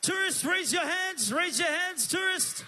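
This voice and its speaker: A very high, bright male voice with a Samoan accent, working a live crowd from the stage. He is energetic, calls out to the audience and flips between Samoan and English. He speaks into a handheld microphone with a faint noise underneath. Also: unhurried. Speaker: master of ceremonies. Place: stage at an evening show.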